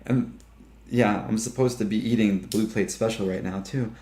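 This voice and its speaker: In a roomy, echoing space, a man in his 50s speaks with a lowish, slightly mellow voice, fairly even intonation, and a moderate pace. A filmmaker guest in a casual interview, he's a chatty storyteller who laughs often and acts out quotes from others.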